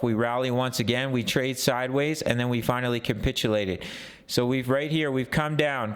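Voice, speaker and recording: A man's voice: mid-range voice, smooth. A man with a sore throat giving casual market chart commentary as a channel host, often repeating phrases for emphasis. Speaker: host of a crypto trading channel.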